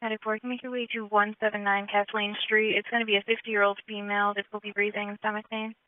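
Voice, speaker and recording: A woman dispatcher reads out emergency calls over two-way radio in a clipped, procedural way. Her delivery is quick and level, with little movement in pitch, and the dry feed sounds narrow and tinny. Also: flat delivery, no room sound.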